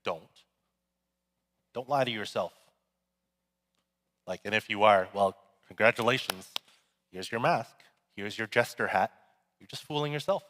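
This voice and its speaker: A man's voice: on the low side, a little slow, pauses often, fairly bright tone. A male pastor giving a sermon in a casual, joking, conversational way. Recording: echoey hall.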